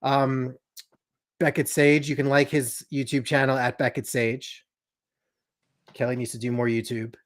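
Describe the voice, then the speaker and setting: A man hosting a casual family podcast at home, playful and quick with asides. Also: medium pitch, flat delivery. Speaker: podcast host.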